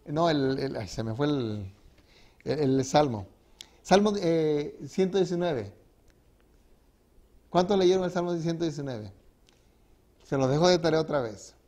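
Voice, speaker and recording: A man's voice: on the high side, animated, a little slow, long pauses, a little mellow. A man, a pastor preaching a sermon to his congregation in a church, with emphatic rises and drops and frequent rhetorical questions. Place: church sanctuary.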